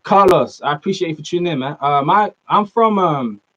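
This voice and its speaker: Talking a little fast in an animated, somewhat high and fairly bright voice, a young British-accented man chats on his fitness live stream. Originally from Norway but raised in the UK, he casually responds to viewers, calling them bro and man. The sound is slightly dull and lo-fi from a laptop mic.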